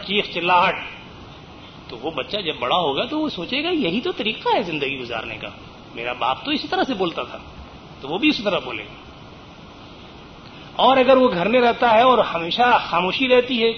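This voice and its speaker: Earnest man preaching, lo-fi recording. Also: a little high. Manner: earnest, explanatory, rising emphasis on key points. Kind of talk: religious lecture on raising children. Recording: dull lo-fi audio with faint hiss.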